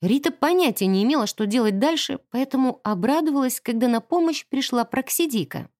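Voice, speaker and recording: Lively woman audiobook narrator. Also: high voice, a little fast, no echo, studio quality. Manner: vivid, animated storytelling.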